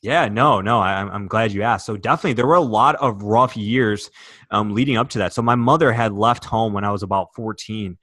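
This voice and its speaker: A man's voice: on the low side, fairly quick, fairly bright tone. Earnest young man from Michigan. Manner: earnest and emotional, many fillers and restarts. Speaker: podcast guest. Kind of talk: candid interview storytelling.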